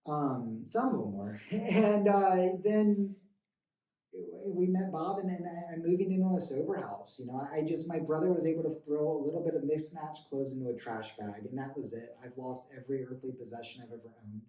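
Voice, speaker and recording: A man in his thirties telling his recovery story in an earnest, halting way, often stammering and restarting. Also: fairly high pitch, dark tone. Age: 30s. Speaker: guest sharing a recovery story. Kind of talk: emotional personal testimony. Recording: roomy, distant mic.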